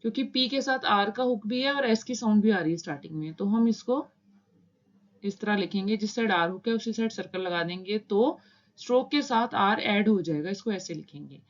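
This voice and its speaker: A woman's voice: mid-range voice, normal speed, dull audio. A woman teaching a shorthand lesson step by step, patiently repeating each point and mixing English terms into Hindi as she explains while writing.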